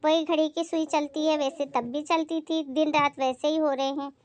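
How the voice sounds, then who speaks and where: A self-righteous, sharp-tongued mother-in-law, voiced by a woman in a home comedy skit. She scolds in a very high voice. The sound is close and dry, with no room echo. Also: fairly even intonation, moderate pace, close to an everyday voice. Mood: scolding. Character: nagging scolding middle-aged mother-in-law.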